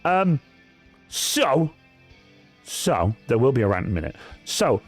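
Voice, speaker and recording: Man, livestream chat, swearing storyteller, lively pitch, ranting to chat. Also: slow pace, slightly rough, faint music behind. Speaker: cosplay livestreamer.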